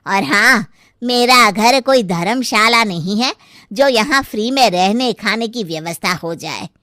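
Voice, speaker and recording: A woman voicing a stingy, greedy mother-in-law who grumbles and complains slowly in an animated story. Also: fairly high pitch, dry recording, clean studio sound. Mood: grumbling.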